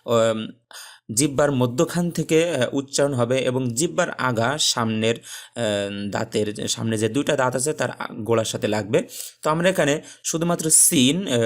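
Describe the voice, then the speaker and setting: Man teaching Quran letters patiently. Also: mid-range voice. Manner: patient, with frequent hesitation fillers; stretches out Arabic letter sounds in demonstration. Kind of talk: recorded tajweed lesson.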